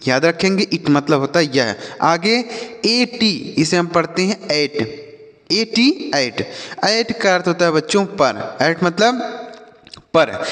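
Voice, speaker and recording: A man teaching simple English words to children, spelling each one out and slowly repeating example sentences. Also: sits high, a bit bright. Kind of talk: slow classroom lesson for children. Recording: long reverberant room echo.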